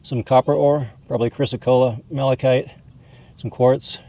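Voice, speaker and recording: Warm-toned and steady, a mid-range male voice moves at normal speed as its owner hosts a casual video teaching about minerals as a hobbyist. He's folksy and conversational while explaining and showing things, and he calls objects "this guy."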